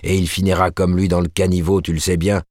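A man's voice: deep voice, a little fast, a little mellow, no echo, studio quality. A man voicing a cold, vindictive middle-aged shopkeeper husband who hammers every word. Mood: cold, scolding.

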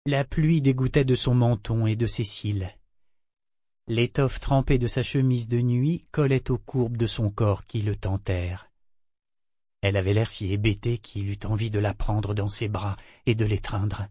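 A man with a fairly low voice narrates an audiobook, telling the story in a measured, even way. The sound is clean studio quality with no room sound.

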